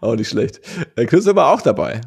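Gravelly man rambling with fillers. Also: mid-range voice, big pitch swings, normal speed, a little mellow, no room sound, studio quality. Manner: rambling, many fillers and restarts. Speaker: podcast co-host. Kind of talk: casual podcast chat.

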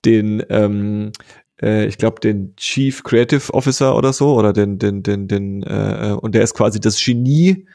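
A podcast co-host chats casually and rambles, full of fillers and restarts. His voice is fairly low and dark with vocal fry, delivered at a measured pace in clean studio sound with no echo.

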